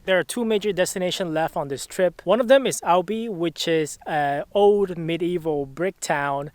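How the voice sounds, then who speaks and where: A man's voice: fairly high pitch, no room sound. A young man narrating a casual travel vlog, explaining the sights as he goes in a chatty tour-guide way. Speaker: travel vlogger.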